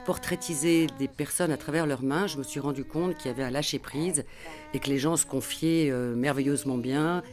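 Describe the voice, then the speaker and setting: A middle-aged woman photographer speaks in a reflective interview, thoughtful and pausing now and then to find her words. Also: deep voice, a little mellow, soft background music. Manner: thoughtful, pauses to search for words.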